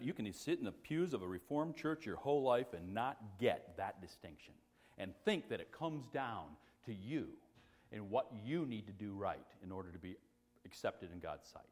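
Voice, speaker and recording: A man preaching a sermon as pastor, mixing loud, excited exclamations with quiet, conversational teaching asides and humor. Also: fairly low pitch.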